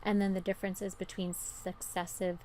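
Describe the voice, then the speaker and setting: A woman's voice: mid-range voice, little pitch movement, moderate pace, darkish tone, slight background noise. A woman teacher giving an informal, step-by-step explanation in a recorded math lesson.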